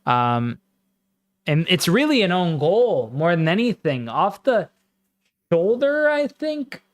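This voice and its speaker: A man casually commenting on a football match live for his stream, slangy and excitable, breaking into loud exclamations at big moments. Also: high voice, slow, no room sound, studio quality.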